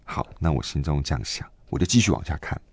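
A man in his twenties telling a personal faith story in an interview, earnest and halting, with many fillers and restarts. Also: very deep voice, expressive, a little mellow, husky, no room sound, studio quality. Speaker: guest giving a faith testimony.

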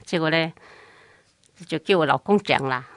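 In a long oral history interview, an older woman lively recounts her family's past, acting out what other people said. She has a deep voice, speaks at a normal pace, and there is no echo.

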